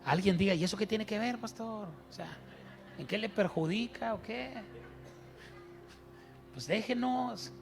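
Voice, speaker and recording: A man's voice: high voice, unhurried, vocal fry, pauses often, soft background music. A man preaching a sermon as pastor, telling stories and asking his congregation rhetorical questions.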